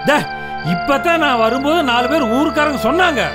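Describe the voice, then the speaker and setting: A man's voice: very high voice, fairly quick. A man acting a stern, domineering village father in a film drama, scolding and accusing. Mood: outraged. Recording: loud music behind the voice.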